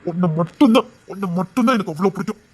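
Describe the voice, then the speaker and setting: A young man playing a husky, devoted lover. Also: high-pitched, rapid-fire. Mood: affectionate. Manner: pleading, affectionate coaxing. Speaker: actor. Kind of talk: web series drama acting.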